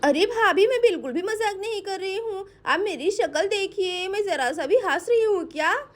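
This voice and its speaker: A caring young woman calls around the house in a high, fretful voice, as a woman puts her on. She belongs to a doll play storybook video. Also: expressive, normal speed. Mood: anxious. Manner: fretful, urgent calling.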